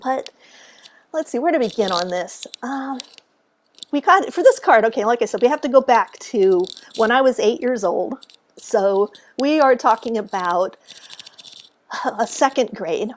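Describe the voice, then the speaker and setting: A woman with a slightly high voice recounts a childhood memory to the camera at home. She is animated and often laughs, and she acts out the voices in her tale. A faint hiss runs underneath. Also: measured pace. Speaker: author and speaker. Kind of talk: casual storytelling to camera.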